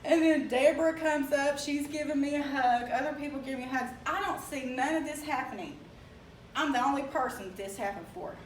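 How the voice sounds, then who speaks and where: A young woman with an Appalachian accent tells a story with an animated, laughing delivery and acts out the people she quotes. Her voice sits high. The recording sounds echoey and distant, with faint ambience. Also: fairly quick, a little hiss or hum. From Appalachia, West Virginia. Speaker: speaker telling her story. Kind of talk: casual storytelling talk. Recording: echoey room, mic from far off, faint ambience.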